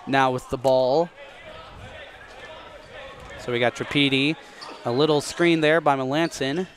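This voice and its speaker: A man's voice: on the high side, a bit bright, slight background noise. A man giving informal, conversational live play-by-play commentary on a local basketball game. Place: courtside in a school gym.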